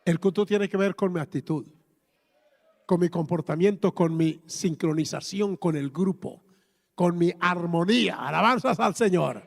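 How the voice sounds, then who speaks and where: Colombian male pastor, 50s; emphatic, high, gravelly sermon delivery in an echoing church hall. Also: measured pace. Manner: emphatic preaching with frequent exclamations and repeated words. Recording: long reverb of a church hall.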